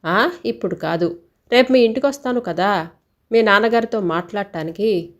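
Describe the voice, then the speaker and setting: A woman's voice: mid-range voice, normal speed, lightly acted. A woman voicing a playful, confident young male suitor in a teasing, self-assured way.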